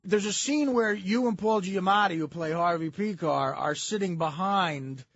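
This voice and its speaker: A man's voice: high voice, normal speed, gravelly, a bit bright, no echo, dull audio. A man co-hosting a radio show, chatting with a guest in a casual, enthusiastic way. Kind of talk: casual radio interview chat. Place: radio studio.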